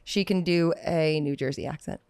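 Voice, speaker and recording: Bubbly low-voiced young woman host. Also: normal speed, smooth. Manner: bubbly, gushing, animated. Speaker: podcast host. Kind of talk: casual podcast chat.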